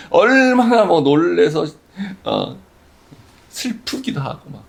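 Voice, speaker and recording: A man's voice: sits high, big pitch swings, takes it slowly, vocal fry. A man preaching a sermon as pastor, conversational and full of rhetorical questions.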